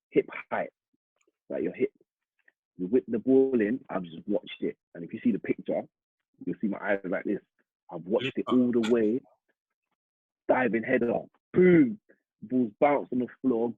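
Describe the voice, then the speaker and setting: Young man, London accent, animated storyteller, husky voice, thin phone-like sound. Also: fairly low pitch, no room sound. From East London, England. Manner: animated, vivid retelling with acted-out quotes. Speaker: interview guest, semi-pro striker. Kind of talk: casual storytelling interview. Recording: muffled phone-like audio.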